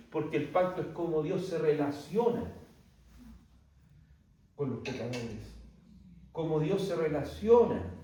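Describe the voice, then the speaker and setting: A man with a high voice delivers a Bible lecture and poses questions to his listeners before he answers them himself. He is heard from a distance, in a strongly echoing room. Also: warm tone. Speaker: Bible teacher. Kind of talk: theology class lecture. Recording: very echoey room, distant mic.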